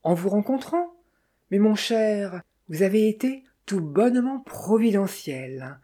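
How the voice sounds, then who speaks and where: A woman's voice: medium pitch, animated, unhurried, dark tone. A woman reading the lines of a mocking, good-humored male detective in an audiobook, with a wry, teasing manner.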